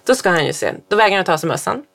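A woman's voice: fairly low pitch, gravelly. A woman and parent from Sweden telling a story in casual chat, acting out what people said. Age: adult parent. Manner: animated storytelling, acts out quotes in raised voice.

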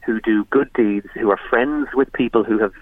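A man's voice: medium pitch, normal speed, no echo, phone-quality sound. A man with an Irish accent from County Monaghan, talking conversationally as a guest in a radio interview. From Monaghan, Ireland. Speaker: documentary presenter being interviewed.

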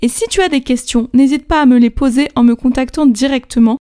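A woman hosting a podcast language lesson, explaining pronunciation clearly and slowing down to spell out examples. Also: high-pitched. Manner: lively, clear teaching with slow, spelled-out examples. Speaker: French teacher and podcast host.

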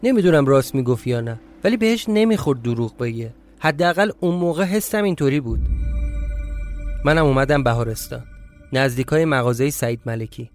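A man narrates a first-person audio drama in a confiding, personal way, and his calm reading breaks into flustered outbursts when tension rises. His voice sits in an ordinary middle range. Faint music plays underneath. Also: medium pitch. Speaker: narrator and reader.

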